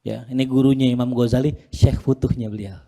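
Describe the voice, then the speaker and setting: A male Islamic teacher lectures his students in a relaxed, joking manner. His voice is mellow and of middling pitch. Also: a little fast, vocal fry. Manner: casual, jokey, teasing his students. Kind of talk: religious study lesson.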